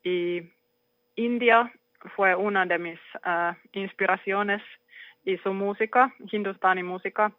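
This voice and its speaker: A Finnish jazz saxophonist giving halting interview answers in a learned language, pausing often to search for words. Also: mid-range voice, steady tone, no room sound. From Finland. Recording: tinny phone-like line.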